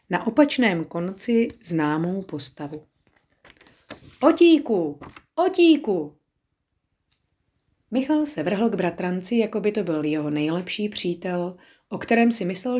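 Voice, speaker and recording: A woman with a fairly low voice reads a children's story aloud for an audiobook. Her delivery is calm and measured, with an unhurried narrating rhythm.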